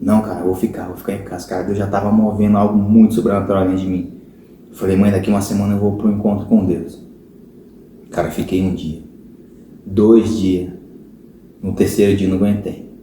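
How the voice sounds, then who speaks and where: A man's voice: sits low, level tone, brisk, pauses often, warm tone, slight background noise. A man with a Brazilian Portuguese accent, a podcast guest telling a personal conversion testimony in an earnest storytelling way, often calling his listener "cara". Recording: very echoey room.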